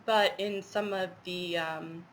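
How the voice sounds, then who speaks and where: A cross-stitch vlogger with a stuffy head cold chats casually while showing off her stitching projects, rambling and using lots of fillers. Her voice is lowish and steady, and she speaks slowly. The audio is poor, with slight background noise.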